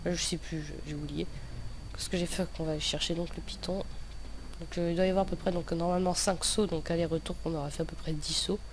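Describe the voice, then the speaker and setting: Quick and steady in tone, a slightly high male voice narrates gameplay for a gaming video. The young host has a lisp that slurs his s sounds and keeps hesitating, wandering off and correcting himself, against noticeable background noise.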